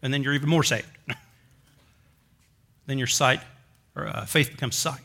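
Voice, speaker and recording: Bright-voiced man preaching a sermon. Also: medium pitch, normal speed, vocal fry. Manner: conversational storytelling preacher with light self-mocking humor. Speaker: pastor.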